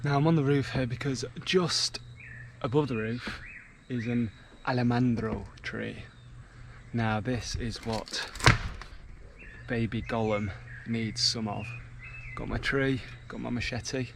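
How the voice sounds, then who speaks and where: A man's voice: mid-range voice, steady tone, slow, creaky, noisy background. A man narrating a casual travel vlog, explaining his conservation work with a light, humorous touch. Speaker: vlogger and sloth conservation worker. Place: rainforest and countryside, partly outdoors.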